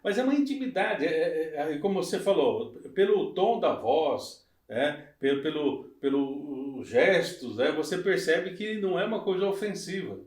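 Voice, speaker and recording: A male pastor in a casual Bible study conversation, explaining calmly and affirming his partner often. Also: on the high side, moderate pace, hardly any pauses, distant mic. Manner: agreeable, explanatory, frequent short affirmations. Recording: echoey room, away from mic.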